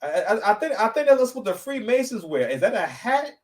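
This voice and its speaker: A man riffs through casual reaction commentary with a lively, swinging delivery and a voice pitched a little high. He rambles and mocks, sounding set back from the microphone. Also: fairly quick, far from the mic, low-quality recording. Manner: animated, rambling, mocking. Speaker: podcast host.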